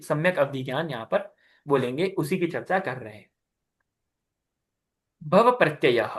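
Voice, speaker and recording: A man's voice: high-pitched, a bit bright. A man teaching a class, patiently explaining step by step, asking his students questions and praising their answers. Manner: explains step by step, repeating key terms. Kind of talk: online class explaining scripture recitation.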